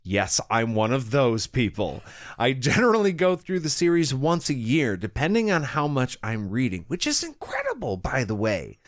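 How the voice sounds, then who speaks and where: A man's voice: mid-range voice, moderate pace, no room sound, clean studio sound. A young man co-hosting a podcast, chatting casually, laughing often and reading out a listener email. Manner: laughing, animated storyteller. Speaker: podcast co-host.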